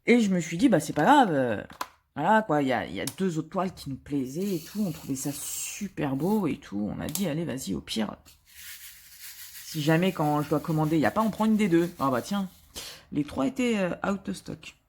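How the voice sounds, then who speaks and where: A woman's voice: deep voice, sing-song, a little fast, a little mellow, slight background noise. A woman vlogger chatting casually while she works on a craft, hesitant, with many filler sounds and restarts, and joking at her own expense. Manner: chatty and self-mocking. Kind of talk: casual chat while diamond painting.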